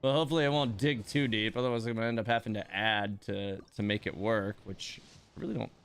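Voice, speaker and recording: A man hosts a game livestream, chatting casually and reacting as he plays, grumbling in exasperation with sighs and mild swearing. His voice is fairly low and a bit bright, with a steady tone and a fast pace. There's slight background noise.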